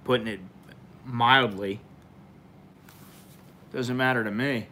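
A man's voice: mid-range voice, steady tone, slow, pushed and bright, a little hiss or hum. Chatty bearded man on a live stream. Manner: rambling, chatty and informal, with many fillers. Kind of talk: casual live stream chat. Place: small indoor room with a plain wall.

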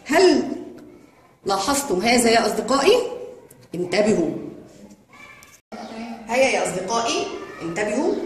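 A woman teaching young children to read, spelling out words in long drawn-out sounds. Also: mid-range voice. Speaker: kindergarten Arabic teacher. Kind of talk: children's reading lesson. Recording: echoey room with long reverb and faint noise.

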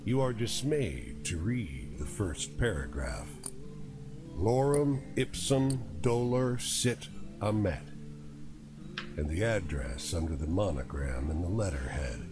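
A man's voice: low-pitched, lively intonation, slow, music in the background. A man reading scripted game narration in a wry, storybook manner. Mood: dry.

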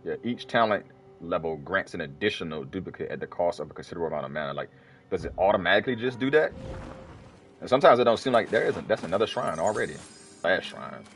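A man's voice: low-pitched, lively intonation, fast, fairly bright tone, soft background music. A man giving casual let's play commentary, rambling and correcting himself as he chats to the screen. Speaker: gamer playing through a video game.

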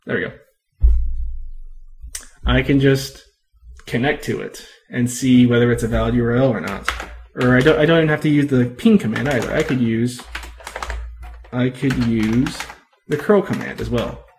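A man talks through a coding tutorial in a loose, unscripted way, stopping to fix his wording and filling pauses with ums. His voice sits at an ordinary middle pitch for a man. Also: a little mellow, a little hiss or hum. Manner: rambling, self-correcting, many ums. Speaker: tech video host. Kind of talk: casual screen-recorded tutorial.

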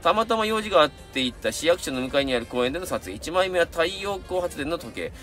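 A man's voice: fairly high pitch, big pitch swings, fast talker, a bit bright, faint music behind. A middle-aged man with a Kansai accent, chatting casually as a camera channel host, rambling with many fillers and asides while reviewing gear and reading viewer submissions.

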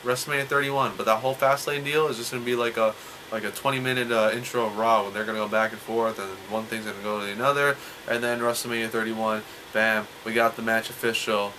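Young male vlogger, bright voice, rambling animated analysis. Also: fairly low pitch, fast talker, slight background noise, rough recording. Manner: rambling, animated, rhetorical questions. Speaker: wrestling vlogger. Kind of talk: casual wrestling analysis.

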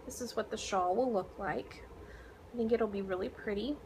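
A woman's voice: mid-range voice, moderate pace, a little mellow, slight background noise, rough recording. A woman hosting a casual knitting vlog, chatting to her viewers with lots of ums and restarts. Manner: rambling, many ums and restarts. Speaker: knitting vlogger. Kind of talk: casual chat to camera.

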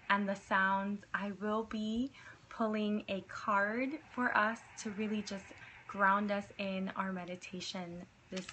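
A young woman leading a guided meditation in a soothing, unhurried, softly instructing manner. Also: mid-range voice. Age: young adult. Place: small indoor room at home. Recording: clear background noise.

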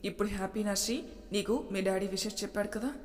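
A woman voicing a patient, gentle young wife and mother who speaks calmly and softly, with a long reverb. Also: mid-range voice, fast talker, close to an everyday voice.

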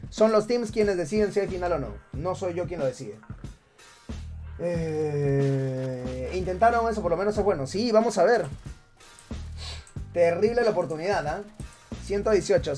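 A man casting a live esports tournament on stream. He calls the action loudly and energetically, then slips into laid-back banter with his chat. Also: high voice. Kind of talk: live esports play-by-play commentary.

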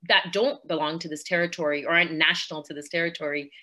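A panelist and podcast host talks from home over a video call during an online discussion, speaking earnestly and fluently in an activist style, with fillers. Her low voice is steady and sharp, and she talks fast.

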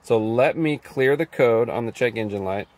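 A man's voice: medium pitch, moderate pace. A man working as a mechanic, talking through a scan tool diagnosis inside a car, thinking aloud and reading out values. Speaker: auto mechanic. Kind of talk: casual diagnostic walkthrough.

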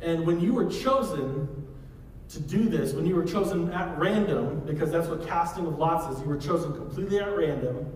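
A man's voice: fairly high pitch, animated, moderate pace, darkish tone, a little hiss or hum. A man in his thirties preaching a conversational sermon, recorded from across a large church sanctuary. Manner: conversational preaching, walks the stage gesturing. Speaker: pastor. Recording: echoey hall from far off.

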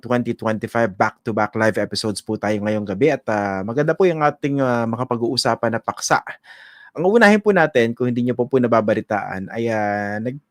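Male host for a live news show, polite and formal, mid-pitched, dry close mic. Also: no echo. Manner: polite, uses respectful "po" often, with frequent "uh" fillers. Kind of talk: live online news interview.

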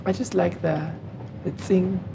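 A man's voice: high-pitched, steady tone, a little slow. Young south african guy on a date, kinda hesitant and eager, chatting with some noise around. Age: young adult. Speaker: host on a mock date. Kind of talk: casual chat over a meal. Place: restaurant, indoors. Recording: clear background ambient noise.

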